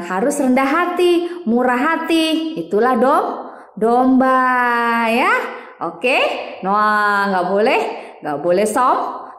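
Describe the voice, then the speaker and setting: A woman giving a children's sermon at church, animated and sing-song, stretching words out for emphasis. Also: fairly high pitch. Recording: echoey hall with long reverb.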